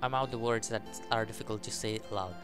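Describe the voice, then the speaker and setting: A man with a lowish voice and fairly even intonation talks quickly while hosting a gaming video. He narrates a casual playthrough by reading the game text and slipping in humorous side comments, over faint game music.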